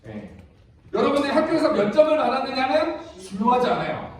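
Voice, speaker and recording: A man's voice: very high-pitched, very animated, brisk. A man, a youth ministry pastor, giving an interactive sermon to children at a church retreat, quizzing the kids and calling them by name. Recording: echoey hall, far from the mic, children's crowd.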